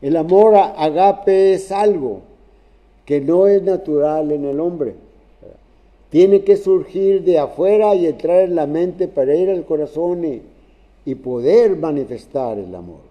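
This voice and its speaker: A man preaching a sermon in a halting way, restarting phrases and often checking in with "¿verdad?". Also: fairly high pitch, mellow.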